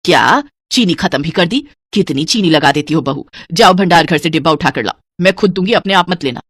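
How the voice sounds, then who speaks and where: A woman's voice: deep voice, lively intonation, fairly quick, fairly bright tone, no room sound. A woman voicing a stingy, scheming old mother-in-law in a cartoon, with a scolding, penny-pinching manner.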